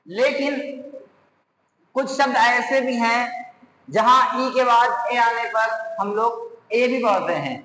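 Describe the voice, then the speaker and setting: A man with a very high voice teaches a grammar lesson at an unhurried pace, spelling words out letter by letter. His voice rings in a reverberant room with a long tail. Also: fairly bright tone. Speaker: English teacher.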